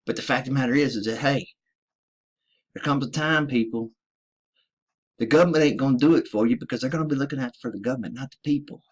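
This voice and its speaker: This U.S. military veteran has a medium-pitched, breathy voice and talks fast, pausing often. His monologue is an emphatic, profane rant aimed at his audience, whom he addresses as ladies and gentlemen.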